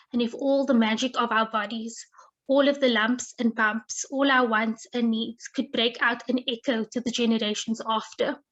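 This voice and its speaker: A woman reading her own poetry aloud, measured and deliberate, over a video call. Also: a little high, a bit bright. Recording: muffled lo-fi video call audio.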